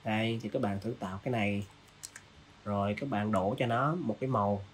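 A man hosting a design software tutorial, casually walking through each step with lots of fillers. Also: fairly low pitch, steady tone, a little fast, slight background noise. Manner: casual, walks through steps with many fillers. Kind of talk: screen-recorded software tutorial.

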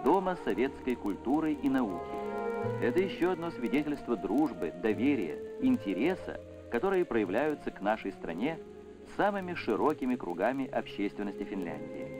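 A man narrates an old 1970s newsreel in a solemn, official, declamatory manner. His intonation rises and falls widely, and his pitch sits in the middle. Music plays clearly beneath his voice throughout. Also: big pitch swings, normal speed, low-quality recording. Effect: old 1970s newsreel soundtrack.

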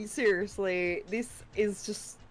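A woman's voice: medium pitch, fairly even intonation, takes it slowly, faint music behind. A woman guest co-hosting a live stream, chatting casually and agreeing enthusiastically. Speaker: guest co-host. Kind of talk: casual chat.

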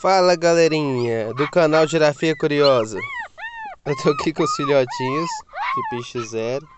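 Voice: medium pitch, huge pitch swings, moderate pace. A pet vlogger with a Brazilian Portuguese accent, chatting casually to viewers from inside a car and cooing at the puppies now and then. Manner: chatty, repeats itself, coos at the puppies. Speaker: pet video host. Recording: loud background noise of crying puppies. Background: whimpering puppies.

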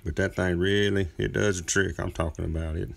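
A chainsaw carver in his thirties, with a deep and heavily gravelly voice, narrates his work casually in an outdoor driveway workspace. He talks briskly but in a flat, even tone, rambling in a relaxed, folksy way full of small fillers.

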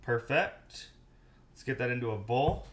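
A man in his thirties hosts a cooking show from a small home kitchen, chatting casually and answering live chat as he cooks. His mid-range voice is expressive and a little slow. A fixed camera mic catches him as he moves around, giving a roomy sound amid kitchen noise and running water.

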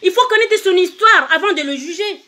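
High bright Comorian woman livestreaming. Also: lively intonation, a little fast. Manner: emphatic, repetitive, asks viewers for hearts. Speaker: singer on a livestream. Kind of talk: casual livestream monologue.

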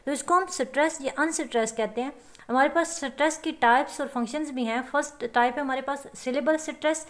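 A woman teacher giving a lecture, explaining terms step by step and reading English definitions slowly. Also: high voice. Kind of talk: classroom-style lecture.

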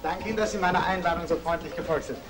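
An actor playing a charming male painter who courts a young woman, with a soft, persuasive manner, in old German film acting. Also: on the high side, rapid-fire, over music, natural voice.

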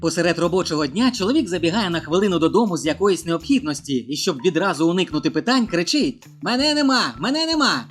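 Lively joke-teller over faint music. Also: fast talker, hardly any pauses. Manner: voices the joke characters with a raised pitch. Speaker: joke narrator. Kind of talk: reading a joke compilation.

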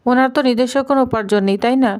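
Defiant young bride with sharp retorts, read plainly by a woman, pitched a little high. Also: racing, lightly acted. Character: bold young bride, quick-witted and defiant.

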